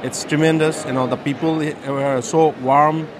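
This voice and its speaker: Man, halting and earnest, loud noise behind. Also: on the high side, steady tone. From Bangladesh. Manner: hesitant, repeats "you know". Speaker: content manager. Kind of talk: vox pop interview.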